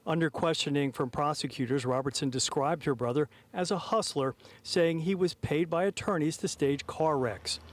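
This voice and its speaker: A man giving a live courtroom news report as a TV reporter, with a measured, formal broadcast delivery. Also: a little high. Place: outdoors outside a city courthouse. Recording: live outdoors on an urban street.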